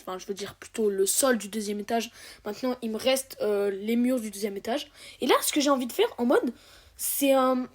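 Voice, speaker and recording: A woman's voice: a little high, a little mellow. A teenage girl talking casually over her game footage, rambling and joking with lots of hesitation. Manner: rambling and jokey, with many hesitations. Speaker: gaming video creator. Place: home recording, voice dubbed over the game footage.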